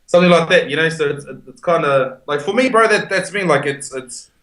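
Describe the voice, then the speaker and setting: A man's voice: a little high, expressive, fairly quick, a bit bright. A man with a broad New Zealand Māori English accent chatting casually and slangily as a podcast guest. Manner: slangy, peppers speech with "bro" and "you know". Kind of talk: casual chat. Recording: echoey room.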